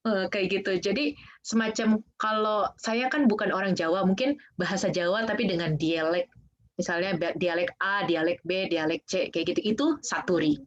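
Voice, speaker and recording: A woman's voice: medium pitch, moderate pace. A woman guest speaker casually explaining Korean culture in an online Q&A, often saying "kayak gitu". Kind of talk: online presentation and Q&A. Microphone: video call. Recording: dull lo-fi video call audio.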